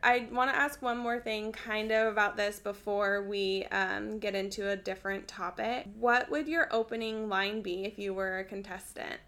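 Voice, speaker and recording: A woman's voice: medium pitch, fairly even intonation, moderate pace, hardly any pauses, a bit bright. A woman co-hosting a podcast, chatting casually with many fillers and steering the conversation with questions. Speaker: podcast co-host. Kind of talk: casual chat.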